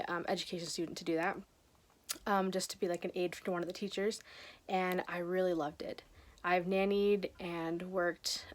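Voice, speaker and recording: A young woman in her twenties from Idaho gives a recorded self-introduction for a college class, earnest and halting, with many filler ums, in a room at home. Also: mid-range voice. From Idaho, United States. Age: 20s. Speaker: college student. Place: room at home with pictures on the wall behind her.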